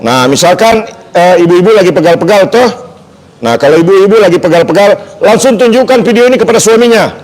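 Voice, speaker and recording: A man's voice: high-pitched, animated, a little fast, darkish tone, poor audio. A man with an Indonesian accent demonstrating reflexology massage on a live stream, chatty and joking as he repeats each instruction.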